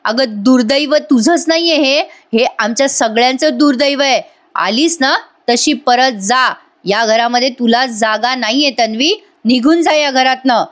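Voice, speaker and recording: A woman voicing a calm but stern older patriarch who lectures slowly. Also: sits high. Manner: measured, lecturing.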